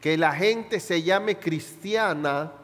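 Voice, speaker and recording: A man preaching a sermon as pastor, with a Chilean Spanish accent, asking his congregation questions and rising to sudden shouted peaks on slow, stressed words, in a reverberant church hall. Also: a little high.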